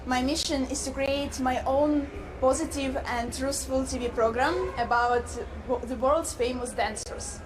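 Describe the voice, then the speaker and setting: A woman's voice: high-pitched, steady tone, a little slow, few pauses. A nineteen-year-old woman from Ukraine, giving an earnest, rehearsed pageant self-introduction. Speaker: pageant contestant. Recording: noticeable background noise.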